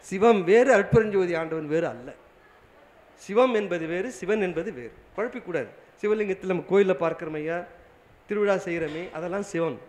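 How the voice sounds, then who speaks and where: A man's voice: sits high, brisk, darkish tone. A man in his seventies giving a spiritual talk and telling a story, often asking his listeners questions. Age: 70s. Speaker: spiritual speaker. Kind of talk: religious discourse with a story.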